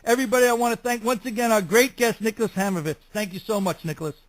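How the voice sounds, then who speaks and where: A man's voice: sits high, quick pace. A man with a Brooklyn New York accent, hosting a chatty talk show interview.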